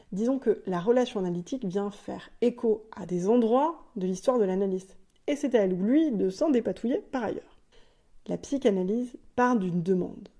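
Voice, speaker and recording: Woman podcast host, warm low-toned voice, talks through ideas in a steady teaching way. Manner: didactic, explanatory, with light asides. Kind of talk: scripted solo podcast monologue.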